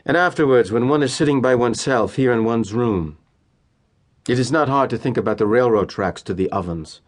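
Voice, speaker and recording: A male actor with an American accent and a medium-pitched, everyday-sounding voice plays a cynical, polished middle-aged corporate executive in an audio drama. He delivers a theatrical first-person monologue that is wry and confiding. His pacing is deliberate, with emphatic pauses.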